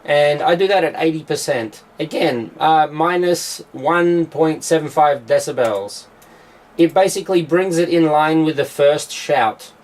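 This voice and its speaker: A man's voice: a little high, a little slow, a little mellow. Easygoing male producer explaining his mix. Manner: explanatory, with frequent filler sounds. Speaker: music producer. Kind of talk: studio tutorial. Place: home music studio.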